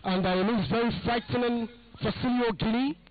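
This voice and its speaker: A man giving live football commentary, calling out "ladies and gentlemen" as he narrates play. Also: extremely high pitch, fairly even intonation, a little fast. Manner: keeps addressing "ladies and gentlemen". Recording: phone-like narrow sound.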